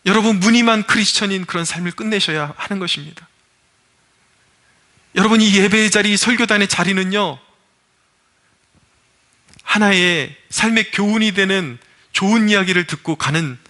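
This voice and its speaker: Fervent high-voiced male preacher. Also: normal speed, pushed and bright. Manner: fervent, exhorting, repeatedly addresses the congregation. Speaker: pastor. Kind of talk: sermon. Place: church service.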